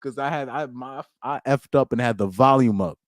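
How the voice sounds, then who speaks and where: A man's voice: mid-range voice, moderate pace, dry recording, clean studio sound. A young man hosting a live-streamed podcast in casual chat, reading out comments and rambling with slang and frequent restarts.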